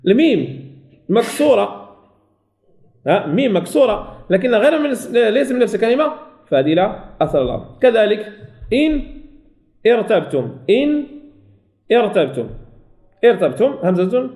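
Man, high pitch, sheikh running a recitation lesson, drills and repeats each word. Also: big pitch swings, a little mellow. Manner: explains step by step, asks and answers his own questions; repeats and drills example words slowly. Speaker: sheikh teaching Quran recitation rules. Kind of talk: recorded tajweed lesson.

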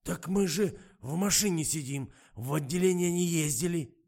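A man doing a gravelly grumbling male driver. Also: fairly high pitch, moderate pace, darkish tone, voice pushed up. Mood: defensive. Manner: rambling, full of fillers. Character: middle-aged male driver, grumbling, slangy. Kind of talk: audiobook character voice.

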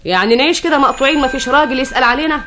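A woman's voice: high voice, very fast, background noise, close to an everyday voice. An actress with an Egyptian accent playing a bossy widowed mother in an old radio drama, scolding and insistent. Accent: Egyptian Arabic.

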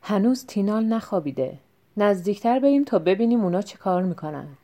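A woman's voice: mid-range voice, expressive, dark tone, close to an everyday voice. A woman doing an impatient tall thief. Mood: urgent.

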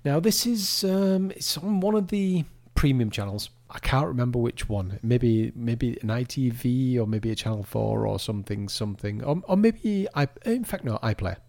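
A man's voice: medium pitch, animated, moderate pace, gravelly, hardly any pauses, a little mellow, no room sound. A man co-hosting a podcast, rambling and chatty, often restarting his sentences. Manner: rambling, chatty, self-interrupting. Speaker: podcast co-host. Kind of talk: casual chat.

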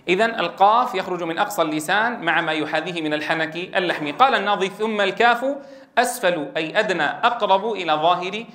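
Male tajweed teacher, high-pitched, patient explainer who drills syllables aloud. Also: roomy sound. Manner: explains slowly, then demonstrates sounds with loud repeated syllable drills. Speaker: Quran recitation teacher. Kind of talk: tajweed lesson with spoken drills.

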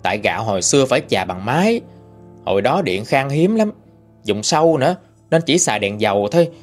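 Lively ghost-story teller. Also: male voice, medium pitch, fairly quick, soft background music. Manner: colloquial and lively. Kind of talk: spoken ghost story narration.

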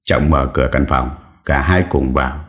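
Very deep-voiced male storyteller. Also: fairly even intonation, normal speed, fairly bright tone. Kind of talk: scripted narration of a ghost story.

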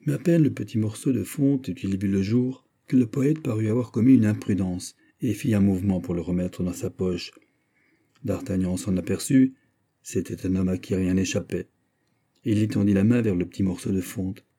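Male audiobook reader, low dark voice, animated character dialogue. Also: moderate pace, breathy edge. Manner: lively, voices characters with raised pitch. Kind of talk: scripted narration with acted dialogue.

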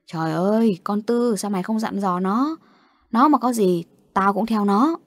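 A woman's voice: mid-range voice, measured pace, dry recording, natural voice. A stern old grandfather who lectures his grandchildren with grave weight, as a woman reads him in a storybook. The voice sits in a middle register and sounds close and dry, with no room around it. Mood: alarmed. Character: stern grieving old grandfather, village elder.

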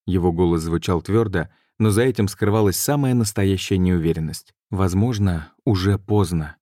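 A male audiobook narrator with a deep, dark voice, reading in a measured, deliberate way. The recording is close and dry. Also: no room sound. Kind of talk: scripted narration.

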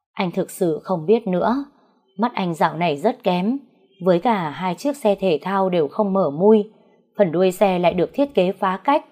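A woman narrating a dramatic audio story in a steady, measured reading. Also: on the low side.

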